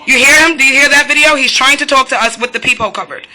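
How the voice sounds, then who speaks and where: Filming from inside her apartment during a police standoff, a resident records her own live protest commentary. Her voice sits high and bright with a pushed quality, and she talks fast and agitatedly, throwing out rhetorical questions and addressing the officers head-on.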